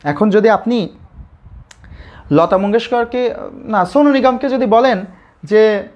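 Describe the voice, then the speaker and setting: A man's voice: sits high, takes it slowly, a little mellow. A male teacher with a Bangladeshi Bengali accent, giving a live online grammar lesson, who asks questions and then answers them himself. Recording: slightly dull lo-fi audio.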